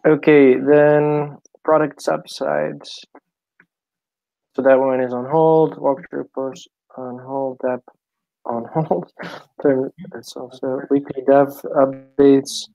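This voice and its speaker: A man's voice: medium pitch, level tone, takes it slowly, vocal fry, no room sound. A man leading an online team meeting, working through agenda items with short checks. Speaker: meeting facilitator. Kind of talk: casual meeting talk. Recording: dry, dull lo-fi call audio.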